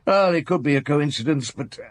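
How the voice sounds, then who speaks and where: An actor playing a middle-aged chief inspector in a radio drama, methodical and thoughtful, laying things out in a measured, deliberate way. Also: male voice, on the high side, expressive, natural voice. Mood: pondering, probing. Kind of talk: naturalistic radio drama acting.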